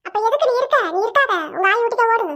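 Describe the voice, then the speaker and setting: A bossy village husband in a cartoon comedy, as one performer puts him on, barking at his wife. His voice is pushed very high and comes out in quick bursts. He shouts his orders without a pause. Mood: furious.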